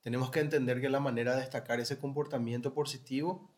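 A man's voice: medium pitch, steady tone, fast, a little mellow. Brief: male co-host, mid-range voice, explanatory, frequent "¿sí?" check-ins. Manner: explanatory, leans on tag questions and fillers. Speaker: co-host of a parenting talk show. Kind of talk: conversational advice talk.

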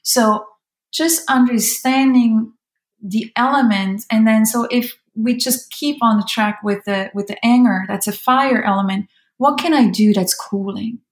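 A Swiss woman in her thirties with a Swiss German accent explains ideas in conversation, her voice a little high and her pace measured. Now and then she searches for words.

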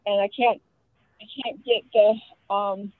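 A sick, feverish woman checks in on a conference call in a weary, halting way, her voice faint because the phone is held away from her. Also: medium pitch, little pitch movement. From Georgia, US. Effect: phone held away, voice faint and distant. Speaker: meeting participant. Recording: tinny phone line, faint and far from the mic.

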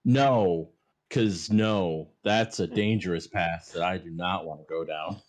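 A man with a fairly low voice chats as a podcast guest. He plugs his pages with a jokey, self-aware tone. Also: a little slow. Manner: jokey, promotional. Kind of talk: casual chat.

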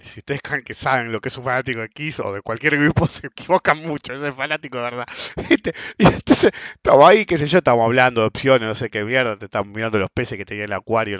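A man's voice: mid-range voice, a bit bright, dry recording. A middle-aged man with a Rioplatense Spanish accent explains bond trading in casual, colloquial talk and acts out quoted dialogue. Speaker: bond trader sharing experience. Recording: dull dry close recording.

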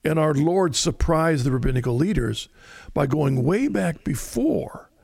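A man's voice: a little high, animated, measured pace, vocal fry, a little mellow, dry recording. A man co-hosting a conversational Bible study, explaining a passage verse by verse and reading scripture aloud. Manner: explanatory, reads scripture aloud, stumbles over words at times. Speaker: Bible teacher co-host.

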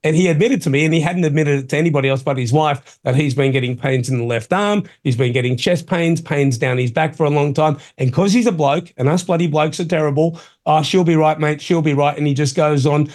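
A man's voice: on the high side, fast, few pauses, a little mellow. A middle-aged Australian man hosting talk radio, opinionated and colloquial in a blokey, tradesman-like way, often calling people mate. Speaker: talk show host.

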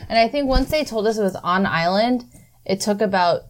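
A woman, a guest in a casual chat, telling stories with wry sarcasm and quick voiced asides for other people. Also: mid-range voice. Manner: storytelling, wry and sarcastic, acts out others' lines.

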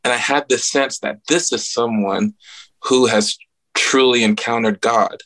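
A man from the Bahamas, a guest musician, makes casual remarks at an event in a mid-range, fairly bright voice. His intonation stays fairly even and his pace unhurried as he speaks earnestly and reflectively, often searching for words.

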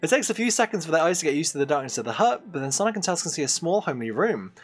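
A man's voice: a little high, very animated, racing. A man hosting a podcast, reading an adventure game book aloud as game master, with hesitant, filler-heavy asides between passages.

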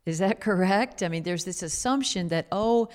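A woman's voice: fairly low pitch, moderate pace, a little mellow, in a large hall. A woman moderating a conversation, putting inquisitive questions to the guests on stage.

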